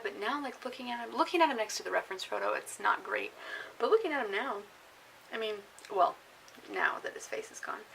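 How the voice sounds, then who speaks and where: A young woman chats loosely about her baking attempt, giggly and quick to put herself down. Her voice sits fairly high and bright, with a gravelly fry at the ends of phrases. A faint hiss runs under the recording. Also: low-quality recording. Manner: giggly, rambling, self-deprecating. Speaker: baking vlogger. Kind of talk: casual vlog chat.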